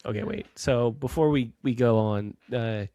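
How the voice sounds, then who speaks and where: A man's voice: mid-range voice, normal speed, warm tone, no echo, muffled recording. A man co-hosting a podcast, rambling and joking in casual chat and swearing freely. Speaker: podcast co-host.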